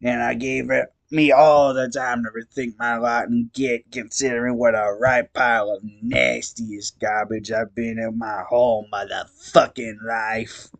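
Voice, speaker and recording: A man voicing a crude, repentant male clown troll who rants slowly and swears through his tears. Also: medium pitch, level tone, vocal fry, no echo. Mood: tearful ranting. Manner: slow drawling rant full of swearing.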